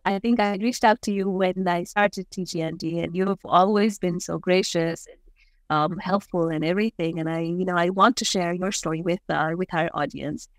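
A woman's voice: on the low side, steady tone, moderate pace, no room sound, studio quality. A woman hosting a podcast, welcoming her guest and asking him questions with an upbeat manner and a few fillers. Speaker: podcast host. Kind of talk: podcast interview.

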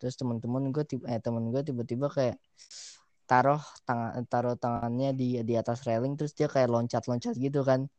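A man's voice: medium pitch, fairly even intonation, a little fast, a little mellow, no room sound. A young man, telling a school story in casual chat. He laughs through it and swears casually.

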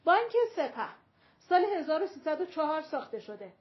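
A woman's voice: sits high, sing-song, dull audio, pitched above the performer's own voice. A woman voicing a playful adult man who jokes and teases in a mock-formal way.

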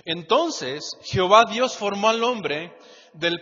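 A man with a Mexican Spanish accent preaching a lively, conversational sermon as pastor, asking the congregation rhetorical questions. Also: high voice, slow pace. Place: church hall. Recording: muffled church hall recording with long reverb.

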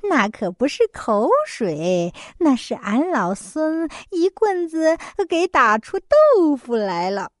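A cocky monkey king from a children's storybook, voiced by a woman. He talks brashly and teases, his pitch jumping about. The sound is dry and close. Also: big pitch swings, slow, few pauses, no room sound, exaggerated voice. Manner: brash, teasing, calls himself 俺老孙. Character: cocky monkey king, male, bold and teasing.

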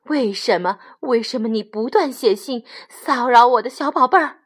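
A woman's voice: fairly high pitch, normal speed, breathy edge. A woman voicing a fierce, protective mother sheep in a storybook read-aloud, insistent and indignant. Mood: demanding.

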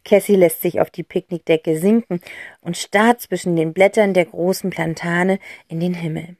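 A woman narrating a children's audiobook with an expressive, animated reading. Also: lowish voice, normal speed, dry recording, studio quality. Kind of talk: scripted storybook narration.

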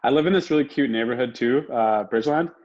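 A young adult man from Romania, a podcast guest telling his story in a relaxed, casual way with lots of fillers and the odd swear word. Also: medium pitch, fast. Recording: dull lo-fi sound.

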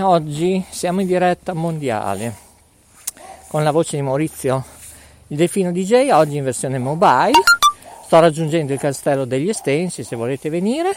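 A middle-aged man hosts a live radio show from his phone as he walks through town, a little winded. His pitch jumps around a great deal, and his slightly high voice moves at an unhurried, drawn-out pace. He rambles, cracks jokes, and keeps tossing in a questioning "eh?". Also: darkish tone. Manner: rambling, jokey, tags lines with "eh?". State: out of breath. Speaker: web radio host. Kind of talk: live mobile radio broadcast. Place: outdoors on city streets while walking.

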